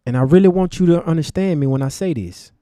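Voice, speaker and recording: A man giving impassioned, profane livestream commentary from his desk, swinging between loud outbursts and low, intense talk. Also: fast talker, no room sound, studio quality. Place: home desk. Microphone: desk mic.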